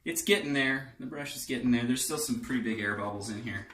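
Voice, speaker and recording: A man's voice: medium pitch, fast, fairly bright tone, a little hiss or hum. A man casually demonstrating his shave at home in his bathroom, joking and thinking aloud as he works. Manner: joking, rambling, thinks aloud while working. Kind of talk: casual how-to chat. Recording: echoey bathroom, far from mic, faint music.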